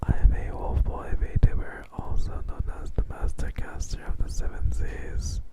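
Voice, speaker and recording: A man in a whispered ASMR stream, talking softly and sleepily to his chat, close to a sensitive mic. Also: normal speed. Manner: soft whispering, drowsy and relaxed. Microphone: sensitive studio recorder mic.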